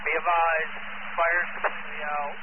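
A man reports in over a two-way emergency radio in a somewhat raised voice. His phrasing is terse and matter-of-fact. The transmission is thin and phone-like, buried in loud static. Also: on the high side, little pitch movement, normal speed. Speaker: fire incident commander. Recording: tinny radio with heavy static.

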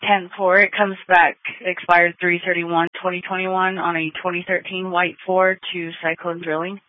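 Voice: mid-range voice, little pitch movement, normal speed, no echo. A police dispatcher giving clipped calls and radio codes over a police radio transmission. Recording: tinny radio scanner audio.

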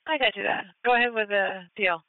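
A woman dispatcher speaking over a two-way radio, with brisk, clipped radio calls. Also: mid-range voice, slight background noise. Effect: heard over a two-way radio. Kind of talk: radio traffic. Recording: tinny dry radio channel.

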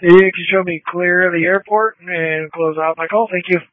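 Male police officer on radio traffic, quick and brisk, dry narrow police radio sound. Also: sits high, fairly even intonation, no room sound. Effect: police radio transmission. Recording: narrow crackly two-way radio.

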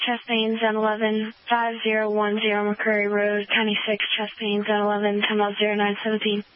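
A woman dispatcher reading out calls in clipped, rapid phrases over a two-way radio transmission. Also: medium pitch, completely flat delivery. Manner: clipped, rapid call-outs. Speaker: emergency dispatcher. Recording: muffled radio with static hiss.

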